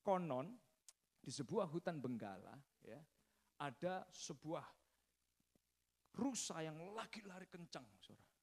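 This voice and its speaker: A man's voice: a little high, animated, unhurried, gravelly, pauses often, a little mellow, slightly rough. A man preaching a sermon, telling a story and often addressing the congregation directly.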